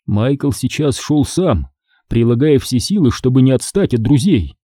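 A man reads a horror story with suspense, slowing down at the tense moments. His voice is very dark and husky, and his pitch moves a lot. The recording is close and dry. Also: expressive, no room sound. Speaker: audiobook narrator. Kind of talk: scripted horror narration.

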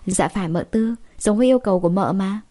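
A woman voicing an older female house servant who speaks flatly and deferentially. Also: mid-range voice, fairly quick, lightly acted. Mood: dutiful. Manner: flat, deferential.

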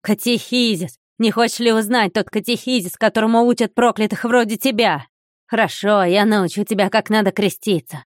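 A woman reading an audiobook voices a furious, fanatical male monk who shouts curses and accusations. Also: medium pitch, normal speed, dry recording, clean studio sound, close to an everyday voice. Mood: raging, accusing.

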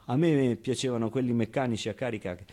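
An actor playing a wistful, streetwise man who recalls his orphaned boyhood in an expressive, colloquial theatrical monologue. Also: mid-range voice, close to an everyday voice. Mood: nostalgic. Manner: expressive, clownish, with pauses and repeated phrases. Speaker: stage actor. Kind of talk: theatrical monologue, colloquial first-person storytelling.

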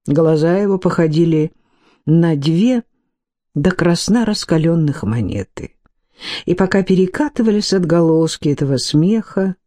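A woman narrating an audiobook in a measured, expressive reading. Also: fairly low pitch. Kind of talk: scripted narration.

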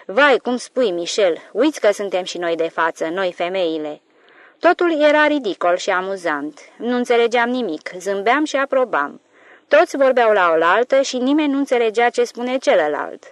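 Calm woman reading a novel aloud. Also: medium pitch, dry recording. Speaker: audiobook narrator. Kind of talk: scripted literary narration.

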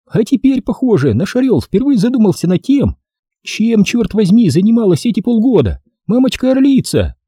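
A man voicing a sharp-tongued young woman who teases and mocks with sarcasm. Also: sits high, sing-song, normal speed, slightly rough, no echo, studio quality, voice pushed up, full character voice. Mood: teasing. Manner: teasing, sarcastic.

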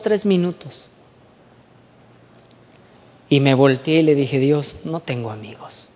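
A man with a Mexican accent giving a storytelling talk, dropping to hushed asides and rising again, often checking in with short rhetorical questions. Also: a little high, in a large hall. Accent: Mexican Spanish. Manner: animated, swings between hushed asides and raised voice, rhetorical questions.

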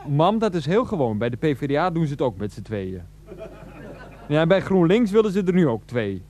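In a naturalistic radio comedy drama, a man voices an adult son who is exasperated and defensive while talking to his mother by phone, stumbling and repeating things to calm her down. His voice is a little high and a little mellow, and he's very animated.

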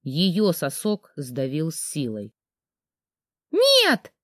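A woman narrating an audiobook with a lively, expressive reading. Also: on the low side, normal speed, no echo, clean studio sound.

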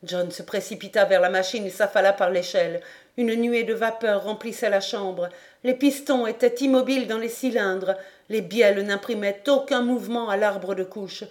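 A woman narrating an audiobook of a classic novel with a steady, expressive reading. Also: medium pitch, normal speed.

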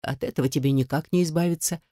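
A woman voicing a kind old nanny who talks in a soft, soothing, hushed way. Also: low-pitched, sing-song, measured pace, no echo, clean studio sound. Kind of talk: audiobook role reading.

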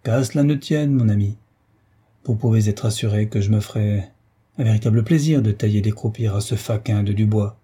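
A man's voice: on the low side, brisk, mellow, husky. A man voicing a gracious, teasing royal princess in an audiobook story, raised to a lighter, playful tone.

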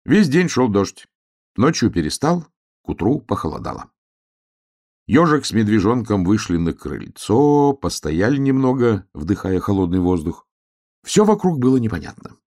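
A man reading a children's tale aloud, expressive and hushed at quiet moments. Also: fairly low pitch, moderate pace. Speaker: storyteller.

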